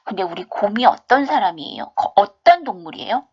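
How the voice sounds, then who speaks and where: A woman teaching an English lesson, explaining step by step, asking and answering her own questions, and reading example sentences slowly and with exaggeration. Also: medium pitch, lively intonation, husky, muffled recording. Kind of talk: recorded online English lesson.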